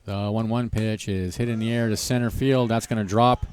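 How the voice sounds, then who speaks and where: A man calling live baseball play-by-play, steady and relaxed, with jokey asides between pitches. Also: moderate pace, clear, resonant tone.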